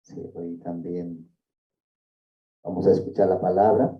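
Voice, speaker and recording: A man's voice: deep voice, fairly even intonation, a little slow. A man leading a church service, thanking a speaker and formally introducing the pastor. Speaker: service leader. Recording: echoey hall from far off, dull sound.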